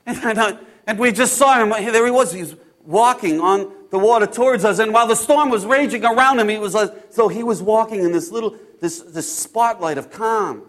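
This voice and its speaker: A man playing an impulsive disciple in a first-person dramatic Bible monologue, halting and repeating his phrases as he swings between hushed and loud delivery. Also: sits high. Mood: awed, scared. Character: Peter, impulsive male disciple recounting storms at sea.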